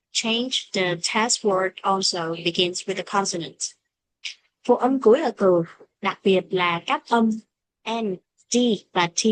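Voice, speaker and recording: A woman teaching an English pronunciation lesson, speaking English with a Vietnamese accent and slowing down to model example phrases. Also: mid-range voice, slight background noise. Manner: switches between explanation and slow modeled English examples. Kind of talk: classroom lesson explaining pronunciation.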